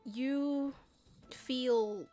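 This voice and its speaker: A woman game master narrating a tabletop role-playing scene, halting with frequent fillers. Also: high-pitched, steady tone, dark tone, faint music behind. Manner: slow, halting, many fillers.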